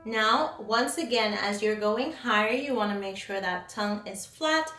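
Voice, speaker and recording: Bright-voiced woman vocal coach. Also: medium pitch, moderate pace. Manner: patient, step-by-step explaining. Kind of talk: singing lesson instruction. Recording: roomy sound, mic at a distance. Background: faint piano.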